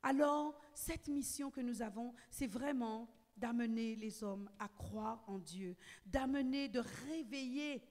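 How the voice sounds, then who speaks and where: A woman's voice: fairly high pitch, takes it slowly, a little mellow. A woman from the French Antilles preaching a sermon, repeating her phrases and punctuating them with amen as she builds to fervent exhortation. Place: church hall. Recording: echoey church hall.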